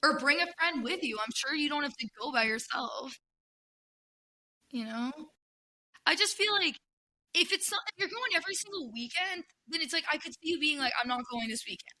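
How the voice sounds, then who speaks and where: A woman's voice: high-pitched, expressive, moderate pace, bright, forceful tone, poor audio. A woman hosting a casual podcast, talking bluntly with plenty of swearing and reading forum posts aloud. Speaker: podcast host.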